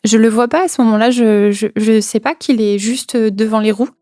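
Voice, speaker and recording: A woman's voice: fairly high pitch, steady tone, moderate pace, warm tone, no room sound, clean studio sound. A young woman recounting a personal experience, hesitant, with many fillers and repeated words, sometimes dropping to a near whisper. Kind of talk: personal testimony.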